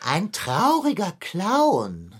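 A woman's voice: lowish voice, huge pitch swings, extremely slow, slightly rough, heavily acted. A woman voicing a pompous, long-winded philosopher figure in a children's radio play, speaking in a lofty, wordy manner.

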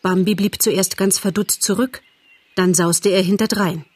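A woman narrating a storybook audiobook in a measured, expressive storytelling voice. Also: medium pitch, dry recording.

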